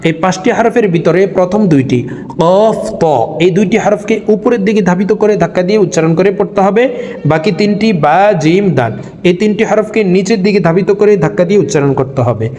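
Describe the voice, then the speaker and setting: A man's voice: high voice, fairly quick, darkish tone, slight background noise. Man teaching in a reverberant hall. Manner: patient, spells out letters and vowel marks one by one. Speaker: Quran reading teacher. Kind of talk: spelled-out recitation lesson.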